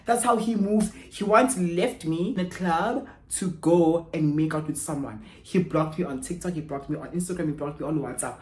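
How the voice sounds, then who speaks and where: A young South African woman with a South African accent, telling an animated storytime and mixing English with Zulu. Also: sits low, normal speed, hardly any pauses, reverberant. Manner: expressive, mixes English with Zulu, swings between loud and hushed. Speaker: YouTuber.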